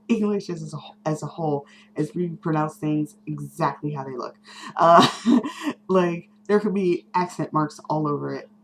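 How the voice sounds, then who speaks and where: A woman's voice: low voice, a little hiss or hum, poor audio. A woman vlogger chatting casually to camera, rambling with lots of fillers, restarts and small laughs. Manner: self-correcting, unsure.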